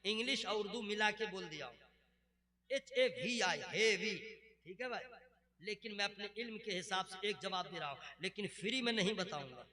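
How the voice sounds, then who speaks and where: A man delivering a sermon in an unusually high, piercing voice. He banters with the crowd in a joking tone, then works up to fervent shouted passages. He often stops to prompt listeners to call back. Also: expressive, moderate pace, echoey room, long reverb tail. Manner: swings from jokey chatter to fervent shouting. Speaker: preacher at a religious gathering. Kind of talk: sermon with call-and-response prayers.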